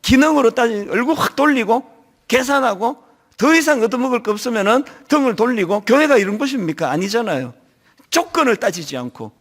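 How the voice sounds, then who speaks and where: A middle-aged man preaching a sermon as senior pastor, telling stories in an animated way with a touch of a lingering cold. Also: very high-pitched. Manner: animated storytelling, acting out quoted voices. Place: church.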